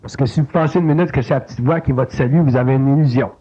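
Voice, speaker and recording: A spiritual teacher with a Quebec French accent talks fast in an informal, colloquial, animated way, his pitch suddenly jumping up to mimic a small inner voice. His husky male voice is slightly veiled and lacks brightness. The sound comes from an old digitized cassette tape and is muffled and lo-fi.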